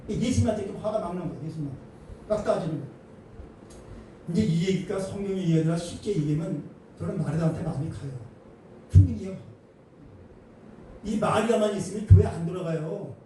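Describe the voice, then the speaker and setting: Fast-talking, emphatic male pastor preaching. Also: sits high. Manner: animated, emphatic, colloquial with humor. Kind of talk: sermon. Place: church sanctuary. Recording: echoey hall, distant mic, faint noise.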